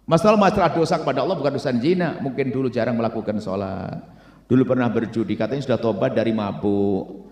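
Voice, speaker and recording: A man's voice: medium pitch, fast. A man preaching a sermon, telling stories and acting out both sides of the dialogue. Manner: storytelling, acts out both sides of dialogues in hushed voices. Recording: echoey hall recording.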